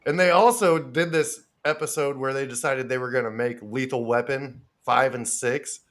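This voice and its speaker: A man's voice: medium pitch, moderate pace, fairly bright tone. A man co-hosting a casual podcast, rambling through a crude story and laughing as he retells it. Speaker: podcast co-host.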